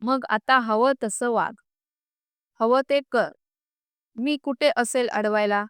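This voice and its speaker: A woman's voice: on the high side, slow, fairly bright tone, clear, resonant tone, no echo, clean studio sound. A woman voicing a hurt, stubborn young husband in a storybook reading, with curt lines.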